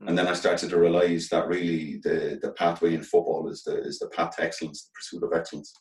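A middle-aged man with a Galway accent from the west of Ireland, speaking earnestly and haltingly as an interview guest. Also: low-pitched, monotone, far from the mic. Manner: earnest, halting, repeats phrases as they think aloud. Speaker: interview guest, former professional footballer turned coach. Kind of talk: reflective interview talk. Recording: echoey room, off from the mic.

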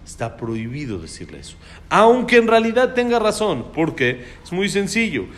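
A man's voice: high-pitched, wildly swooping pitch, normal speed, a bit bright. A man teaching a religious class on raising children, speaking emphatically and putting questions to his listeners. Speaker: Torah teacher.

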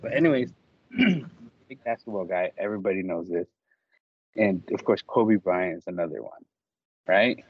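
A man's voice: sits low, animated, moderate pace, long pauses, husky. A man guesting on a casual podcast, earnest and a little tipsy, trailing off as he talks. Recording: dull earbud mic sound.

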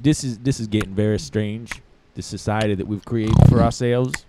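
A man's voice: on the low side, fairly even intonation, moderate pace, heavy background noise. A man co-hosting a casual comedy podcast, rambling and joking with restarts. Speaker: podcast co-host.

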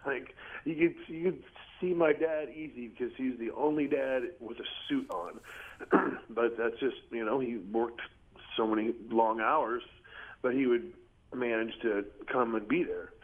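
A middle-aged man calling in to a radio show over the phone, talking in a halting way and clearing his throat often. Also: mid-range voice. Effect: phone call heard over radio. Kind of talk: casual call-in talk. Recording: tinny phone line.

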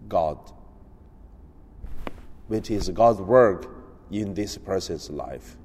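Slow-spoken priest in cathedral echo. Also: male voice, on the low side, a little mellow. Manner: slow, halting delivery with frequent hesitations. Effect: cathedral echo, long church reverb. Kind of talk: gospel reading and homily. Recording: long reverb of a large church.

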